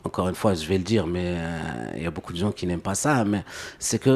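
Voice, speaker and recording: A man's voice: low voice, fast talker. A man from Morocco, a guest in an interview, talking casually and often repeating words as he searches for phrasing.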